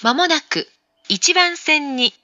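A woman making formal, scripted train station announcements in a measured, carefully enunciated way. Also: sits high, lively intonation, bright, forceful tone, highs cut off.

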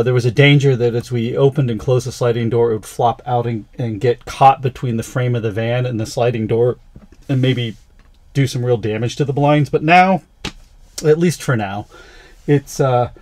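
A man with a darkish, mid-range voice narrates a casual vlog, chatting and thinking aloud as he fixes things on his van.

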